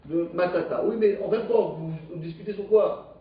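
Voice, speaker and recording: A man who teaches a live Talmud class, lively and questioning, explaining the text step by step. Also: high-pitched, moderate pace. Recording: distant echoey dull live stream.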